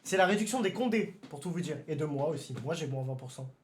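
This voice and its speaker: A young man streaming live, chatting casually with his viewers, excitable and given to sudden shouted exclamations before calming down again. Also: on the high side, fast. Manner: excitable, bursts into shouted exclamations then calms down. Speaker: livestreamer. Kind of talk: casual livestream chat with viewers.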